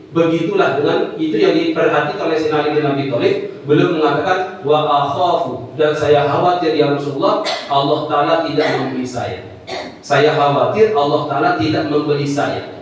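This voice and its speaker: A man preaching a sermon, telling stories with rising emphasis. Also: a little high. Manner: storytelling with rising emotional emphasis. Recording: echoey hall, distant mic.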